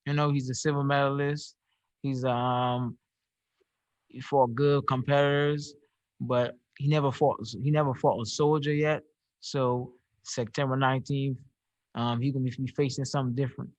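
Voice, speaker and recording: A young man with a Barbadian accent, a professional boxer answering press questions on a video call, halting and repeating words as he searches for them. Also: mid-range voice, flat delivery, no room sound. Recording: dry, slightly dull video-call audio.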